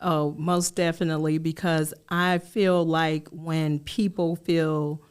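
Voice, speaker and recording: A middle-aged woman shares her story as a podcast guest, taking her time over each phrase. Her voice sits somewhat low and comes through smooth and clear, in a measured, open manner. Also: flat delivery. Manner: slow, measured, candid. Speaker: guest, life coach. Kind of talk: podcast interview.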